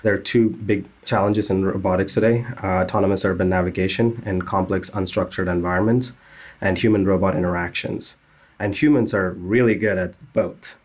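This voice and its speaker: Founder type, man, low register, earnest and technical, drops "uh" fillers. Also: fairly even intonation, moderate pace. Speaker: startup founder. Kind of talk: interview answers.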